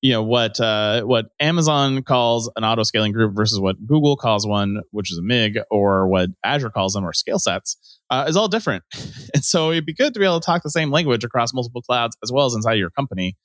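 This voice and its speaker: A man hosting a casual tech podcast, chatty and quick, often laughing lightly between points. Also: medium pitch, lively intonation, fairly bright tone, no room sound, clean studio sound. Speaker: podcast host.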